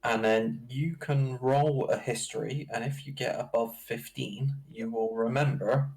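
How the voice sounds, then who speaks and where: Male game master, unhurried and gravelly, narrates with hesitant chuckles. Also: medium pitch, steady tone, a little mellow, rough recording. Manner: slow, halting narration with chuckles. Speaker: dungeon master.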